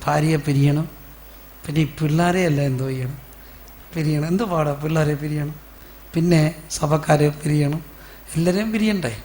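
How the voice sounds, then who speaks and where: A male pastor delivers a sermon, putting questions to the congregation and answering them himself, and he bursts out loudly when acting out quoted voices. His pitch is fairly high, his pace moderate, with long pauses and a faint hiss or hum behind him.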